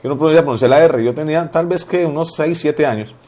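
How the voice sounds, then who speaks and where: A man's voice: on the high side, fast talker, darkish tone, a little hiss or hum. A man, preaching informally as a pastor, telling personal stories and repeating phrases for emphasis.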